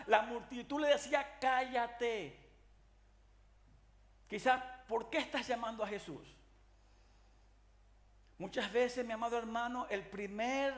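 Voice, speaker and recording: A man preaching a sermon as pastor, earnest and searching, often restarting phrases and addressing his listeners as beloved brothers, with a Latin American Spanish accent. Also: very high voice. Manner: earnest preaching with frequent restarts and repeated "mi amado hermano".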